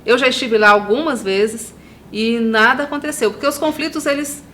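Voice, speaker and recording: A woman's voice: a little high, moderate pace, sharp tone, slight background noise. A woman hosting a podcast interview, encouraging her guest with frequent agreeing fillers.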